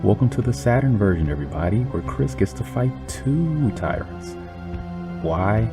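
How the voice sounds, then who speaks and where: Deep gravelly-voiced man joking through gameplay. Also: sing-song, moderate pace. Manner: sarcastic, teasing about the game. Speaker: let's play host. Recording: commentary over game music.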